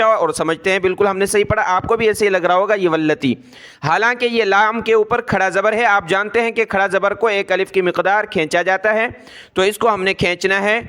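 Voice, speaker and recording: A man with a Pakistani Urdu accent teaching Quran reading, spelling out words letter by letter and drawing them out slowly between brisker explanations. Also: high voice, sharp tone, smooth.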